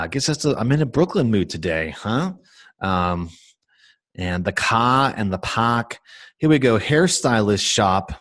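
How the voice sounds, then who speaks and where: A man's voice: medium pitch, no room sound. A man giving a casual screen-share tutorial on search marketing, rambling with lots of fillers and self-mocking asides. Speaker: SEO instructor.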